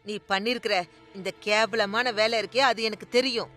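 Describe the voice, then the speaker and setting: Woman dubbing a blunt, accusing woman, bright voice, sarcastic, soft music behind, TV serial. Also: medium pitch, fairly even intonation, moderate pace, lightly acted. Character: fierce, outspoken woman confronting a schemer. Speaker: household member, once a maid. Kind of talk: dubbed TV serial acting.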